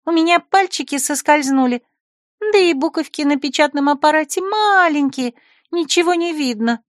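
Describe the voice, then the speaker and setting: A woman voicing a spoiled, tearful young female secretary who stammers and whines in a squeaky voice. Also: moderate pace, no room sound, clean studio sound, lightly acted. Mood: whiny.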